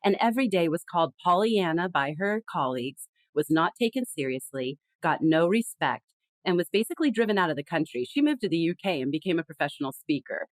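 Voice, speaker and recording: A woman with a lowish voice speaks fairly quickly as a guest on a podcast interview, discussing communication with emphasis, expression, and lively storytelling. The recording is dry with no echo, but the audio quality is poor.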